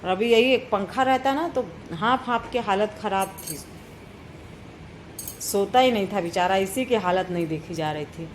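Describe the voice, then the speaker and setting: A woman's voice: medium pitch, moderate pace. A woman chats in a repetitive, down-to-earth vlog from a room at home. She says she feels unwell and dizzy but keeps talking. A faint hum of noise sits behind her voice. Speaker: vlogger. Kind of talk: casual vlog chat.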